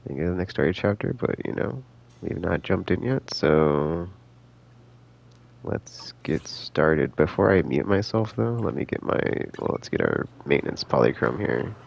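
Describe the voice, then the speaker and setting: This low-pitched man uses lively intonation, a moderate pace and some vocal fry. He's streaming a game live indoors over background game music, casually rambling and thinking out loud in relaxed slang.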